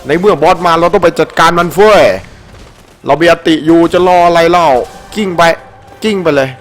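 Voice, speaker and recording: Brief Man, fairly high voice, playful let's-play commentary full of shouts and slang, faint game music underneath. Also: normal speed. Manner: animated and playful, with frequent shouted exclamations and crude slang. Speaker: gameplay commentator.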